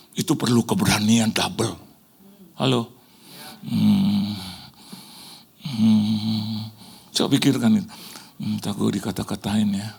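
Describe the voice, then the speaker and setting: Middle-aged pastor, gravelly voice, animated storyteller who acts out every scene. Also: male voice, on the low side. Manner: animated storyteller, acts out dialogue and sound effects. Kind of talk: lively sermon with told stories.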